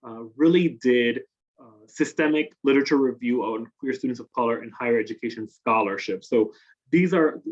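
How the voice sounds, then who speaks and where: A man's voice: medium pitch, highs cut off. A young man from the Dominican Republic giving a workshop presentation over a video call, talking conversationally with many fillers and tag questions. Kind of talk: presentation with slides.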